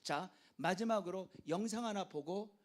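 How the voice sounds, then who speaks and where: A man's voice: high-pitched, a little slow. A male pastor giving a church training lecture, emphatic and quizzing the audience with questions.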